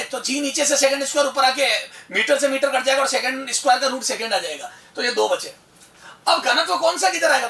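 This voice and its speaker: A man teaching physics in a lively exam-prep lecture, with a very high, bright voice that keeps asking rhetorical questions. He sounds off-mic in an echoey room, with faint ambience behind him. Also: far from the mic. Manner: animated, asks rhetorical questions, calls listener son.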